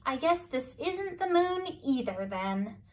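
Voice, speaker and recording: A woman's voice: high-pitched, very animated, slow, recorded from a distance, exaggerated voice. A woman voicing a plucky little girl moth from a storybook, eager and exclaiming.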